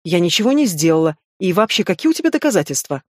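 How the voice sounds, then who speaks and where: A woman's voice: lowish voice, big pitch swings, fast, a little mellow, dry recording, clean studio sound. The audiobook reader voicing a sly, playful young female thief who teases, argues and pleads. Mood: teasing. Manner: teasing and coy, then pleading.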